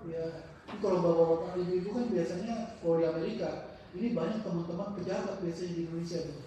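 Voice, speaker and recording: High-voiced male religious teacher in echoey hall. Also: far from the mic, slight background noise. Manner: halting, searches for words mid-sentence; animated storytelling with acted-out quotes. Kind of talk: informal religious study talk. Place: mosque hall. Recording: very echoey mosque hall, heard from afar.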